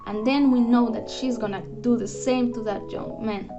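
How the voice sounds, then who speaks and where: A young student presents a prepared book review, earnest and careful, restarting a few times. Her voice is a little high, with fairly even intonation and a normal speed. The lo-fi recording makes her sound dull, with guitar music playing behind her.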